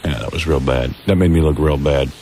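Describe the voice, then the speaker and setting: A man's voice: extremely low pitch, brisk. A man in his thirties hosting a radio show, teasing and needling in casual banter. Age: 30s. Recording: old radio broadcast with faint hiss.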